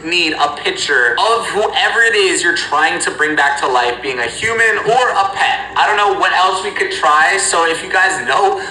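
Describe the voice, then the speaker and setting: A young man hosting a vlog, talking casually and excitably to viewers and often calling them "guys". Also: high voice, normal speed, few pauses. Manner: repeatedly addresses viewers as "guys". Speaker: vlog host. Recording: echoey room with faint noise.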